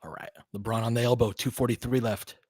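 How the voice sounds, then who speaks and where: This man's husky, mid-range voice moves at a quick pace as he does informal fan play-by-play of basketball, clipped and partisan, getting excited on the big plays. The recording is dry and clean, studio-grade.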